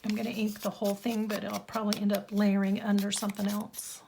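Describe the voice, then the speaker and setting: A middle-aged woman, a little croaky, chatting casually and rambling as she crafts in her home studio, laughing at herself often. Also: mid-range voice, monotone, a little fast, noisy background. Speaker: craft channel host. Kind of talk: casual chat while crafting.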